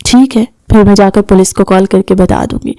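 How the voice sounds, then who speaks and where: A woman reading a cheeky young hostage who teases her captor, playful and bratty. The voice is mellow and dark, with a dry, close sound. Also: medium pitch, steady tone, no echo, natural voice. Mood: teasing.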